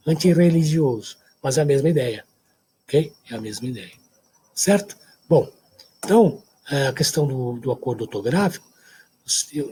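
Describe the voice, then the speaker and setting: A man's voice: medium pitch, a little mellow, husky. A man from São Paulo, with a São Paulo accent, giving a recorded university lecture and checking in often with short tag questions. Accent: Brazilian Portuguese, São Paulo. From São Paulo, Brazil. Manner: explanatory, checks in often with "tá certo?" and "né?".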